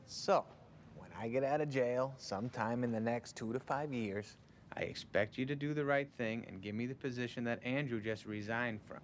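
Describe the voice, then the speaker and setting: An actor playing a fed-up male office assistant who speaks calmly and deadpan. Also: mid-range voice, moderate pace, a little hiss or hum, lightly acted. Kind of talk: film comedy acting.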